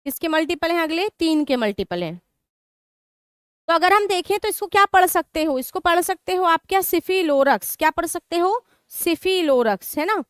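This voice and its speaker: Woman teacher doing a live online class, really high voice, dry close sound, asks and answers her own questions. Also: animated, moderate pace, no echo. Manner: asks students questions and answers them herself; mixes Hindi with English terms. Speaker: online exam-prep teacher.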